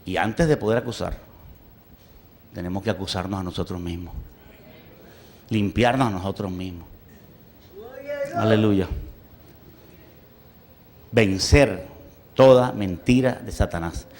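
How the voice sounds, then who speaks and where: A male pastor preaches emphatically, swinging between loud exclamations and hushed asides and often breaking into praise. His voice sits low, and he speaks a little slowly with frequent pauses.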